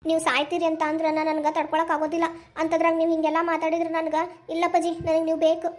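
A woman's voice: very high voice, monotone, quick pace, darkish tone. A woman voicing a tender, pregnant young daughter in a family cartoon, pleading emotionally in North Karnataka Kannada. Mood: pleading, tearful.

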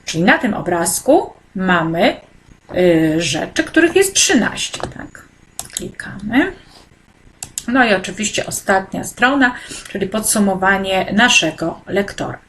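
A woman teacher walks children through an online e-textbook lesson. She talks slowly and patiently, stopping often on hesitant fillers, and her voice sits at an ordinary middle pitch. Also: animated, fairly bright tone, a little hiss or hum. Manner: speaks directly to children, encouraging. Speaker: primary school teacher.

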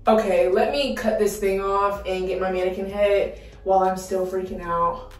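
A young woman chatting casually in a beauty vlog, excitable and full of dramatic exclamations. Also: medium pitch, moderate pace, distant mic. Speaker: beauty vlogger. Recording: roomy, mic set back, faint music.

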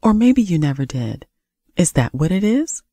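A narrator voicing an angry young woman who speaks in sharp, sarcastic accusations in an audiobook. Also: lowish voice, very animated, moderate pace, no room sound, voice pushed up. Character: furious young woman confronting her ex. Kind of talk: audiobook character voice.

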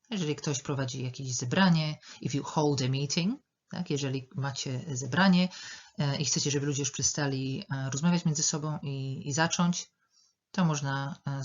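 A woman teaching an English lesson, speaking slowly and carefully and repeating words to show their pronunciation. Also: rumbling low, slightly rough, dull audio. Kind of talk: language lesson.

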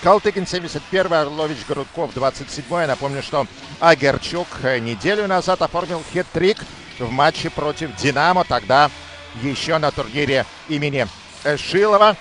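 A man doing live hockey commentary as a play-by-play announcer, emphatic and excited in his goal calls. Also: a little high, normal speed, faint music behind.

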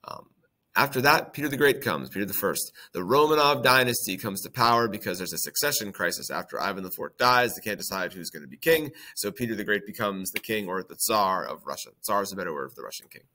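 Bright-voiced man teaching history casually. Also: lowish voice, lively intonation, fast. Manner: conversational, with many ums and playful acted-out quotes. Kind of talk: casual lecture.

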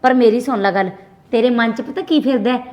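A woman's voice: a little high, brisk, a little mellow, muffled recording, lightly acted. A woman with a Malwai Punjabi accent playing a jealous, scolding younger daughter-in-law. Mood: quarrelling. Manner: quarrelsome, scolding.

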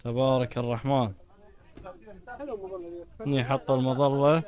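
A man's voice: mid-range voice, little pitch movement, measured pace, muffled recording. A man with a Gulf Arabic accent chatting casually as he films a trip, often exclaiming praise and greetings. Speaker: vlogger. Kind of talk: casual chat while filming a trip. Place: outdoors at a desert camp.

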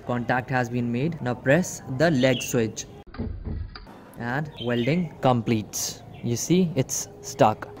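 A man's voice: medium pitch, a little mellow, slight background noise. A man giving a hands-on product demonstration outdoors, talking viewers through each step and calling them "guys". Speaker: electronics video host. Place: outdoor table beside plants.

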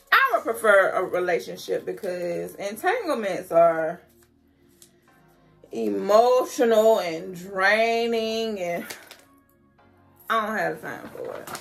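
A slightly tipsy woman in her thirties chatting casually to camera at home, loose and candid, with expressive, colloquial dramatic emphasis. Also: mid-range voice, vocal fry. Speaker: vlogger answering questions. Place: small decorated room at home, indoors.

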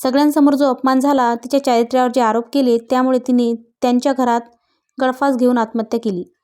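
A woman reading the part of a gentle, caring elder sister breaking bad news. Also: sits high, level tone, fast talker, lightly acted.

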